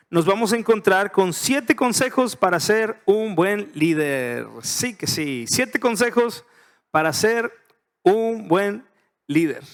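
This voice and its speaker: Joking middle-aged Mexican pastor, high voice. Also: male voice. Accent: Mexican Spanish. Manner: chatty and joking, asks the audience questions. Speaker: pastor teaching a Bible study. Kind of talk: casual verse-by-verse Bible teaching.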